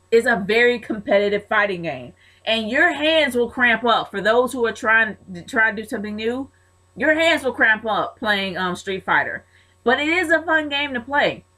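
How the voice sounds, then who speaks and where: A woman's voice: medium pitch, bright, forceful tone. A woman vlogger answering viewer questions in casual Q&A commentary, with frank, chatty, blunt opinions.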